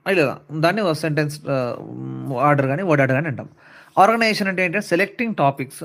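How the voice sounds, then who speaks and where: A man with a fairly high voice gives a lecture on writing skills. He explains in Telugu and drags slowly through the English definitions. He checks in with his listeners again and again. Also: fairly bright tone. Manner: checks in with "right" and "fine" often. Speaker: English teacher. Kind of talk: classroom lecture.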